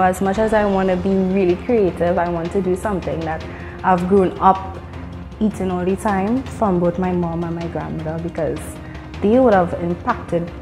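A young Trinidadian woman speaks casually as a contestant in an interview, her voice slightly low. Prominent music plays behind her and the sound carries long reverb. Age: young adult. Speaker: cooking contestant. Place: TV studio.

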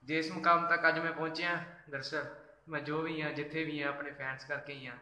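A man's voice: fairly high pitch, little pitch movement, a little fast, sharp tone, reverberant, rough recording. A man, chatting casually on a live stream, reading out fan messages and thanking his fans by name. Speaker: social media singer doing a live fan chat.

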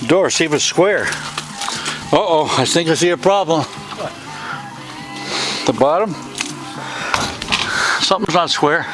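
Over music, a middle-aged man with a slightly high voice takes his time, pausing often as he explains his hangar door project in a casual how-to style. He's folksy and joking, and the noisy outdoor sound comes from the camera he holds or wears on his head.

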